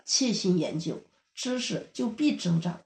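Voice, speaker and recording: A woman preaches a teaching sermon at a steady, explanatory pace. Her voice is mellow and warm. The room around her is echoey. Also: lowish voice, a little slow, vocal fry.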